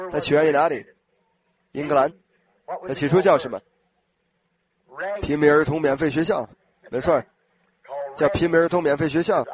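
A slightly hoarse man preaching an informal sermon, talking conversationally to his congregation and asking them questions. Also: a little high, poor audio.

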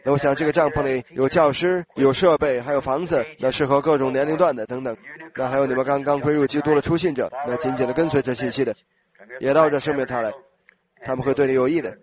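A slightly hoarse man preaching an informal sermon, talking conversationally to his congregation and asking them questions. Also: medium pitch, steady tone, fast, crowd noise.

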